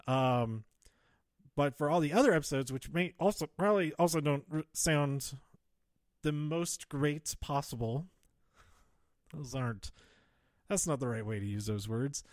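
Guy rambling solo on his podcast, kinda halting, bit out of breath, really close dry mic. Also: a little high, no room sound. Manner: hesitant, halting, trailing off and circling back. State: slightly out of breath, holding back exhales. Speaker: podcast host. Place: close-miked, dry recording. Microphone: handheld or close microphone plugged into a phone.

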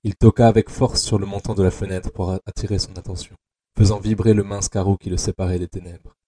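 A man narrating an audio adaptation of a dark novel in a slow, measured, tense way. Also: low voice, little pitch movement, slightly rough.

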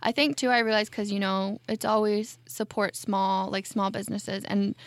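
Woman late 20s, gravelly bit of fry, chatty podcast cohost, dry close mic. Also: mid-range voice, normal speed, dry recording. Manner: chatty, filler-heavy, relaxed. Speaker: podcast co-host. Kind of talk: casual chat. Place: studio.

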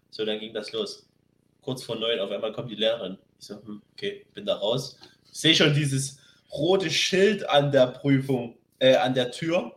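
A man's voice: mid-range voice, echoey room. A young man telling a rambling story in casual slang as a podcast co-host. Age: young adult. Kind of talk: casual chat.

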